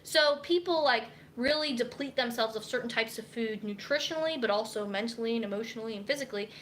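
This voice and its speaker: A woman's voice: on the high side, fast, a bit bright, slight background noise. A young woman, a dietitian, chatting casually on a live cooking stream, reading viewer comments aloud as she chops vegetables in her kitchen. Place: home kitchen.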